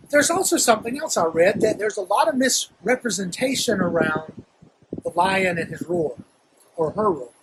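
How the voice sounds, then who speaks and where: A man's voice: sits high, background noise. A man with a Southern accent giving an earnest, reflective sermon as a guest minister, speaking to a camera. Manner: earnest, reflective, building to emphatic calls.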